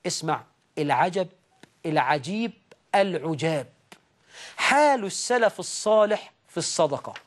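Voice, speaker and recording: A man preaching a sermon in an Egyptian accent, moving between slow, drawn-out recitation and sudden raised outbursts. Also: a little high, lively intonation. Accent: Egyptian Arabic.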